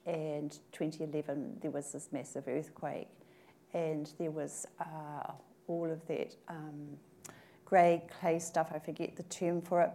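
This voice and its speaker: A woman from New Zealand speaking on a panel, thoughtful and measured, pausing often to gather her words. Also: deep voice, warm tone, slight background noise. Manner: thoughtful, measured, with frequent pauses and fillers. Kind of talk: panel discussion. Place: conference room at a table.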